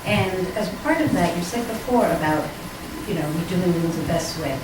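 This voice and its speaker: A woman giving a public comment at a town meeting, earnest and deliberate, repeating herself for emphasis. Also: lowish voice, animated. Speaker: resident speaking at a town meeting. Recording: echoey hall from far off, background noise.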